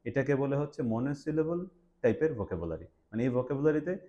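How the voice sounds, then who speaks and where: A man's voice: mid-range voice, lively intonation, a little fast, dull audio. A young man teaching an English class, quizzing his students and mixing English words into his explanations. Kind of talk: classroom lecture.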